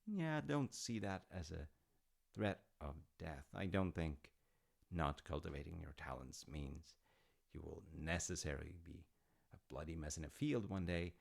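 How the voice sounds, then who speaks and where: Low-pitched and full of vocal fry, this exaggerated voice belongs to a man playing an affectionate, proud dad in an intimate audio roleplay. He rambles through stories at a measured pace with lively intonation, musing conversationally and pausing for hesitant asides, in a fond, reflective mood.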